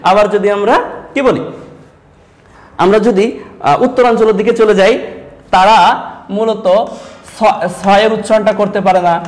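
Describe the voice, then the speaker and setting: A man from Sylhet teaching an online class, asking students repeated questions and addressing them directly. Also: high-pitched. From Sylhet, Bangladesh. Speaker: Bengali teacher.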